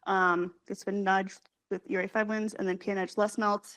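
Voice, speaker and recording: A young woman presents her research at a scientific working group. She rushes through her slides, full of fillers and quick self-corrections, in a mid-pitched voice. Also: flat delivery, fairly bright tone. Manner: fast, hurried delivery with frequent fillers and self-corrections. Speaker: graduate student presenter. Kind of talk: scientific conference talk.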